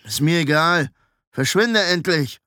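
A bulky, spiteful apprentice snaps gruff threats, as a man puts him on. His voice is pushed up and loud. Dry, close recording. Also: a little high, lively intonation, a little slow, dry recording, voice pushed up. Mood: hostile. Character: hostile bulky male apprentice, bossy and spiteful.

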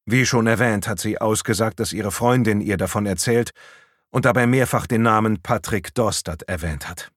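A man's voice: lowish voice, normal speed, no room sound, studio quality, natural voice. A man reading a cool probing detective. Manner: cool, questioning. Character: calm probing male police detective.

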